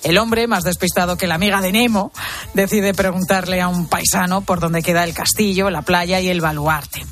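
A woman presenting a radio news feature in a lively, conversational way. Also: fairly low pitch, normal speed.

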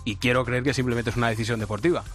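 A man's voice: mid-range voice, fairly even intonation, racing, a bit bright, soft background music. A man from Spain giving a matter-of-fact sports update on a radio show. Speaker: sports reporter.

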